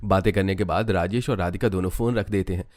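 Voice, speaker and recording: A man narrating a cartoon story in a steady, even storytelling manner. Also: sits low, fast talker.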